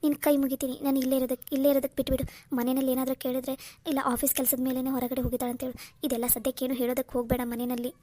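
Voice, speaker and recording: Woman as a high-voiced, tearful cartoon heroine, flat rapid pleading. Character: distraught young woman pleading for loved one. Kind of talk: Kannada cartoon voice acting.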